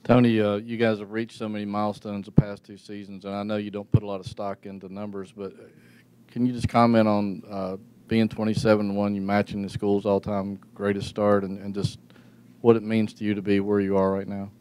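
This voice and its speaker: A man's voice: lowish voice, flat delivery, fairly quick, darkish tone, clear, resonant tone. A male reporter asking an earnest question at a press conference.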